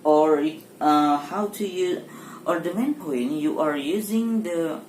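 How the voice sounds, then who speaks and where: A young woman from Indonesia with an Indonesian accent, giving a university exam presentation in a hesitant, halting way with many fillers and restarts. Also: low voice, a little mellow. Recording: echoey room with faint background noise.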